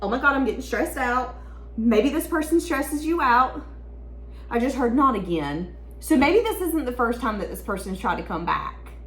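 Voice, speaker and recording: A woman's voice: high-pitched, expressive, normal speed, echoey room, a little hiss or hum. A woman giving a tarot reading to her viewers, talking in an emotional, rambling, repetitive way. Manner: emotional, stream-of-consciousness, repeats herself. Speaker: tarot reader.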